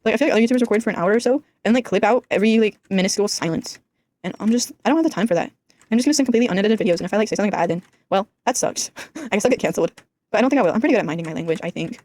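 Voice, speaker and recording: A teenage girl talks over her gameplay at a very fast clip, her pitch sitting in an ordinary middle range. She rambles from thought to thought in a deliberately flat, monotone way, leaning on "like" again and again. It sounds like casual gaming commentary recorded at home. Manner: rambling, flat monotone delivery, says "like" constantly. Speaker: gaming YouTuber.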